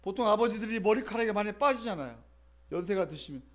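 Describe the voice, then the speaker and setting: A man's voice: high-pitched, lively intonation, quick pace. A middle-aged man preaching a sermon as pastor, in a conversational way that keeps drawing the congregation in with questions. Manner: conversational, often asks the congregation for responses.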